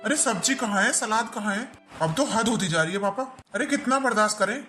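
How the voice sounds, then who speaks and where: A man's voice: sits high, a little fast, sharp tone, faint music behind. A young man playing an indignant, protective son who speaks up with a raised voice in a family drama. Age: young adult.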